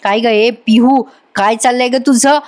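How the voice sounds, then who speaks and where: A woman's voice: on the high side, steady tone, unhurried, darkish tone, close to an everyday voice. A woman voicing a scheming, domineering middle-aged aunt who bullies and threatens. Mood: threatening. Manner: menacing, bullying.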